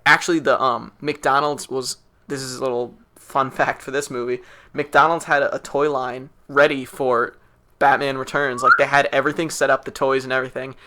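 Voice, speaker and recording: A man's voice: medium pitch, little pitch movement, moderate pace, sharp tone. A man co-hosting a podcast, chatting casually and enthusiastically with plenty of fillers. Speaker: podcast co-host. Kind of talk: casual chat.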